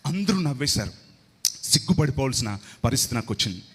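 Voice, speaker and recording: A man's voice: medium pitch, big pitch swings, fast talker, husky. A man giving a storytelling sermon testimony as a pastor. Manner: storytelling with quoted voices. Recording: long reverb hall.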